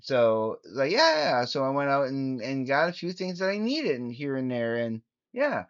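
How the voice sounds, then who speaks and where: A man's voice: mid-range voice, huge pitch swings, normal speed, clear, resonant tone. A man chats loosely with his channel's viewers in a mid-range voice, often stopping to restart or correct himself. The recording is dull and lo-fi, like a cheap home setup. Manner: rambling, many restarts and self-corrections. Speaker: vlogger. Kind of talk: casual chat to camera.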